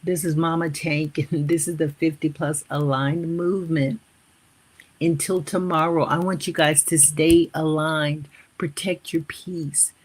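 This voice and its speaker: A woman's voice: deep voice, breathy edge. A woman in her fifties or older hosting a live motivational stream. She addresses viewers as family and leads them through repeated affirmations. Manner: slow, repetitive affirmation-leading. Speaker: motivational host.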